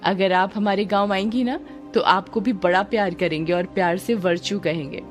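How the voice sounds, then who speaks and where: Storybook voice: a woman playing a jokey smitten village man, medium pitch, light music under. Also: steady tone, moderate pace, natural voice. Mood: joking. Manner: chatty, teasing. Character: joking lovestruck young village man.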